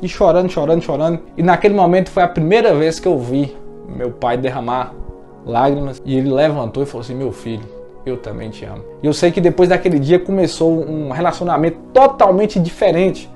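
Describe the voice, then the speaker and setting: Earnest Brazilian man, testimony, soft music. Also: a little high, a little fast. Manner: earnest, emotional storytelling with repeated words. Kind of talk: personal testimony talk.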